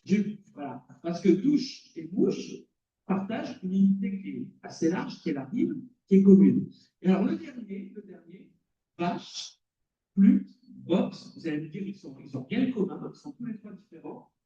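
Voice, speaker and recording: A man's voice: high-pitched, very animated, moderate pace, dark tone. A man giving a conference talk as a cognitive psychology lecturer, explaining and quizzing the audience. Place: lecture hall. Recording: roomy, distant, dull.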